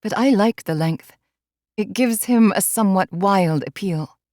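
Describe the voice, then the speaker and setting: A woman narrating a first-person audiobook in a measured, inward storytelling manner. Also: mid-range voice, darkish tone, no echo, studio quality.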